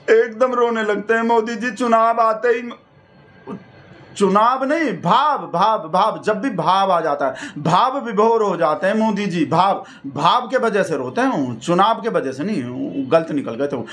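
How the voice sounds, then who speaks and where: A man's voice: high voice, a bit bright. A man, rambling through a satirical comic monologue. He talks in a mock-devoted, repetitive way, circling back on his own phrases. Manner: mock-devoted rambling, repeats "bhai sahab" constantly. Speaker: satirical comedian in character.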